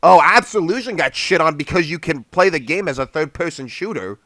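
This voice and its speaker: A man's voice: on the high side, expressive, fairly quick, a bit bright, dry recording. A young man hosting a casual podcast chat, opinionated and swearing casually. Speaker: podcast host.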